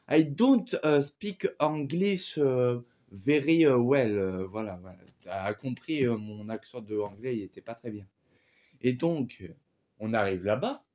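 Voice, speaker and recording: A man's voice: on the low side, darkish tone. Male vlogger, loose slangy rambling delivery, filler-heavy, casual unboxing video.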